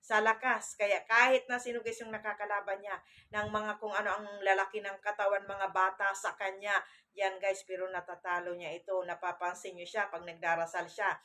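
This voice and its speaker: A bright-voiced woman talking straight to her camera at home. She chats in a loose, rambling way, keeps calling her viewers "guys" and often breaks off to restart a sentence. Her pitch sits in the middle of the range. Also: flat delivery, fairly quick. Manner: chatty, says "guys" often, many restarts. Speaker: vlogger on amulets and folk spirituality. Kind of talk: casual talk to camera.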